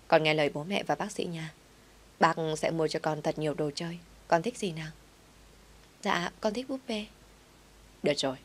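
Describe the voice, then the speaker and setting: Brief: narrator doing a kind, wealthy woman director; low, caring, persuasive. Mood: affectionate.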